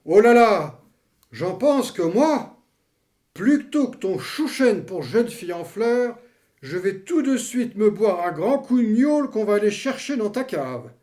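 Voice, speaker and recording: A man's voice: high voice, big pitch swings, measured pace, a little mellow. A man playing a grumbling, mocking old war veteran in a theatrical comedy, blustering in twisted colloquial slang. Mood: stunned, reproachful.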